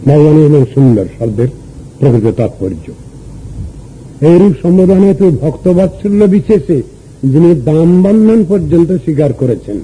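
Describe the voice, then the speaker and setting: An older man from Bengal, a Vaishnava guru, giving a devotional sermon in a measured teaching manner, asking questions and reciting verses. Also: fairly high pitch, lively intonation, dark tone, slightly rough, rough recording.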